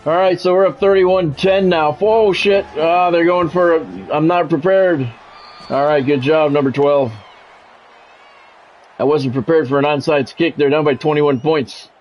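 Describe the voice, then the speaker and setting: A middle-aged American man streams a sports video game, trading casual chat for punchy, announcer-style play-by-play calls. His voice sits a little high with fairly even intonation, he speaks at a measured pace, and the audio sounds dull.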